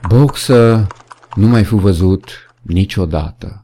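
A man's voice: sits low, warm tone, slight background noise. A man reading a novel aloud as an audiobook narrator, with dramatic storytelling. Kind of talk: scripted narration.

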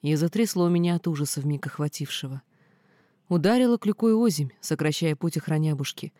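A woman narrating a first-person storybook tale in an expressive, folksy way. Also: deep voice, a little fast, no room sound, clean studio sound. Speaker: audiobook narrator.

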